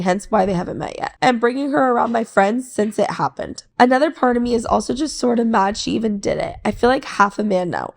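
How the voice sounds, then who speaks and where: A podcast co-host reads a long online post aloud in a playful, easygoing manner, keeping a steady clip. Her voice is a little high and creaky.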